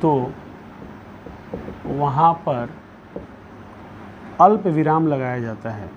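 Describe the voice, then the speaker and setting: A man teaching a Hindi grammar lesson. He dictates notes slowly, repeats each phrase and puts questions to the pupils. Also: on the high side. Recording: dull lo-fi sound with faint background noise.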